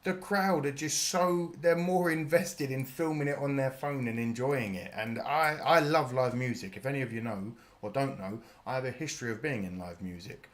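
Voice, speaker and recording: A man's voice: mid-range voice, moderate pace, few pauses. Brief: a casual British streamer in his thirties with a mid-range voice, loose and jokey, swears freely. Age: 30s. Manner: chatty and jokey, laughs often, swears casually. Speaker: streamer hosting a watch party. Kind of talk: live reaction chat.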